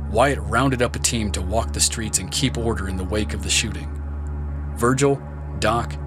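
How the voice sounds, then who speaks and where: A man narrating a history podcast in a measured, scripted storytelling delivery. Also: fairly low pitch. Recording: music bed under narration. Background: music and crickets.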